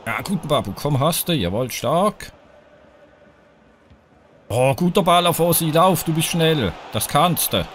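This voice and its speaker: Playing a football video game, a YouTuber gives live let's-play commentary, unhurried and pausing often, yet excitable, with his pitch rising and falling as the action shifts. He speaks straight to his viewers, groaning or cheering loudly at every chance and near miss, over a faint hiss.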